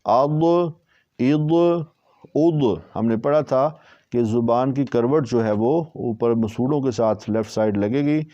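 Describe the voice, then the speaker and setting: A man's voice: mid-range voice, warm tone, dry recording, highs cut off. A man teaching Quran recitation in Urdu with a Pakistani accent, patiently spelling out and repeating each syllable several times. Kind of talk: slow spelled-out tajweed lesson.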